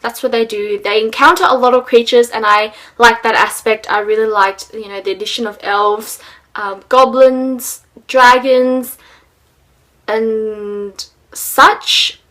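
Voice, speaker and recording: A woman's voice: fairly high pitch, steady tone, takes it slowly, a bit bright, rough recording. A young woman giving a casual, rambling book review for her vlog, with lots of ums and little laughs.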